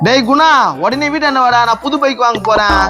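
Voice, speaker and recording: A woman plays a brash, back-talking son with a fairly high voice. Music runs clearly behind the lines. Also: fairly quick, lightly acted. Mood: indignant. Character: cheeky grown son eager for money. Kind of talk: comedy skit acting. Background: background music.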